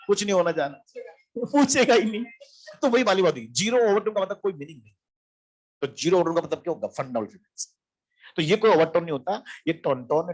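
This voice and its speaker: A man's voice: fairly high pitch, breathy edge. A man teaching a physics lesson, repeating key terms and answering his own questions. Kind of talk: classroom lecture.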